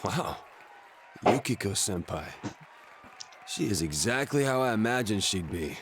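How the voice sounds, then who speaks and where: An actor playing a gruff, bashful young man in a video game, with a halting, awkward manner. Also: fairly low pitch, lively intonation, very noisy. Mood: blunt, awed.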